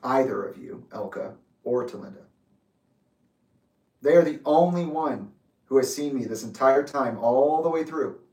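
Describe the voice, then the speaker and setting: A man in his late twenties giving an intense, accusatory personal reflection, speaking deliberately. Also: mid-range voice, darkish tone. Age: 20s. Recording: echoey room, distant mic.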